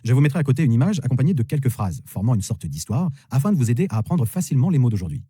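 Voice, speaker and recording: Guy teaching words, says each one three times, husky voice, lively pitch. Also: no room sound. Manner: slow, repeats each word three times. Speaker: English teacher. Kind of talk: vocabulary lesson, repeating words.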